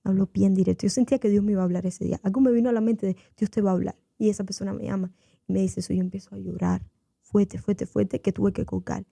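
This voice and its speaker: A woman's voice: medium pitch, steady tone, fast, vocal fry, dark tone, dry recording. A woman giving her personal faith testimony as a guest on a radio interview, telling her story earnestly, acting out the voices she quotes and dropping in English fillers. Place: radio studio.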